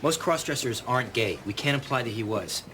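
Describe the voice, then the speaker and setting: A man's voice: mid-range voice, expressive, brisk, sharp tone, a little hiss or hum. An actor playing an earnest, principled man reporter who argues insistently.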